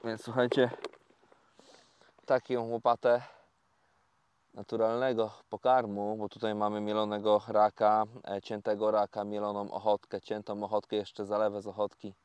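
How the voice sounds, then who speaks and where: A man talking casually to viewers in a fishing vlog, explaining each step in a relaxed, chatty way with many fillers, recorded outdoors by a lake. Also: on the low side, moderate pace, clear, resonant tone, dry recording. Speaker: carp fishing vlogger.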